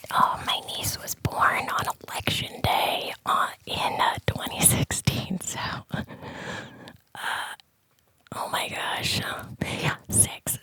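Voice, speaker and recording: A woman from the San Francisco Bay Area whispers a rambling ASMR chat in a soft, breathy voice, close on the microphone, hesitating and circling back as she goes. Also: rough recording. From San Francisco Bay Area, United States. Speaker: ASMR host. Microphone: close ear-to-ear ASMR microphone.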